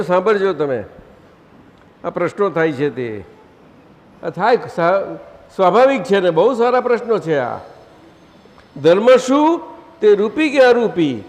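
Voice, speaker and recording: A man leading a satsang, gently directing the audience and asking them questions. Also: sits high. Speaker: spiritual teacher leading a satsang. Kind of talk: conversational religious gathering talk. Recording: long hall reverb.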